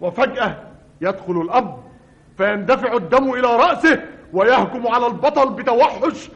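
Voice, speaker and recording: A man tells a comic monologue in an exasperated, mock-dramatic way. His voice sits very high. The recording is dull and lo-fi, like old radio. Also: lively intonation, brisk, a bit bright, breathy edge.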